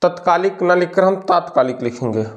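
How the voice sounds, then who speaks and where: Young man, teacher, fairly high voice, spelling lesson, asks and answers his own questions, stretches words out. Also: lively intonation. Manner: drags out words slowly when stressing them. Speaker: Hindi teacher.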